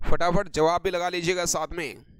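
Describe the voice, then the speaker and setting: भारतीय लहजे वाला एक पुरुष अंग्रेज़ी शिक्षक लाइव ऑनलाइन क्लास में व्याकरण समझाता है और दर्शकों को "बेटे" और "भाई" कहकर पुकारता है।. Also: male voice, sits high, little pitch movement, smooth, no room sound. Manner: addresses viewers as beta and bhai, reads sentences slowly. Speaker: English grammar teacher. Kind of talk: live online lesson.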